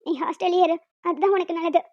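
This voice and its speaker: A woman's voice: very high voice, fairly even intonation, fast talker, no room sound, dull audio. A woman voicing a caring middle-aged mother in a cartoon, speaking in a soothing, reassuring way. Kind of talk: cartoon voice acting.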